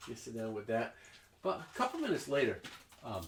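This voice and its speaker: A man running a tabletop game as dungeon master, narrating haltingly with many restarts. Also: mid-range voice, huge pitch swings, fairly bright tone, slight background noise. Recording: echoey room, far from mic.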